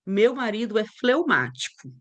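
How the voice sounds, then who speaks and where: Animated woman teaching. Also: medium pitch, moderate pace, highs cut off. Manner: conversational, animated storytelling with acted dialogue. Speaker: Bible teacher.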